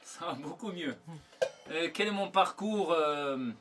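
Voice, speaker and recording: A man in his forties, a professional drummer, giving unhurried, thoughtful interview answers in short broken phrases. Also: fairly high pitch, over music. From Germany.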